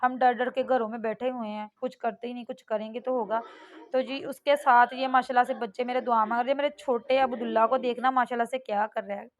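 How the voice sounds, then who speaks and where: A middle-aged woman from Pakistan, talking casually and rambling through a home cooking vlog. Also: fairly high pitch. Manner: chatty and rambling, with frequent fillers and laughs at herself. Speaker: vlogger.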